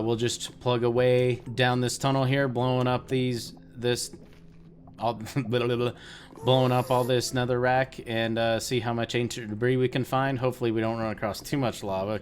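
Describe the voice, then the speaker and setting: A man hosting a let's play, chatting casually to viewers about his game and getting easily excited. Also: medium pitch, normal speed, a little hiss or hum. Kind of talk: casual gameplay commentary.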